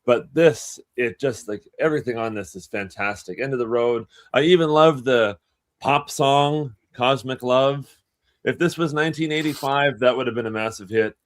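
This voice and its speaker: A man's voice: mid-range voice, normal speed. A man in his twenties co-hosting a podcast panel, gushing earnestly and restarting his sentences. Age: 20s. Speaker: co-host. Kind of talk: casual panel chat.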